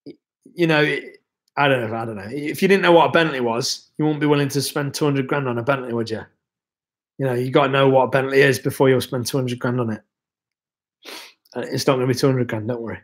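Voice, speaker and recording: A young man with a mid-range voice talks fast while hosting a casual livestream, chatting loosely and reading viewer comments aloud. His voice is a bit worn from being ill, and he's relaxed and rambling, with many fillers.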